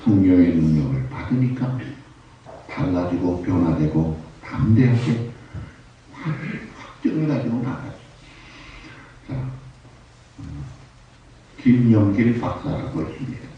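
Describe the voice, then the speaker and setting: A male pastor preaching with a lively, sweeping pitch that climbs high on his exclamations and drops low for asides. His voice sounds distant and muffled, soaked in the long, roomy echo of a large church sanctuary. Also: unhurried, long pauses, a little hiss or hum. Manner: emphatic preaching with rising exclamations and rhetorical questions. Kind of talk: sermon. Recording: roomy dull hall sound, voice from far off.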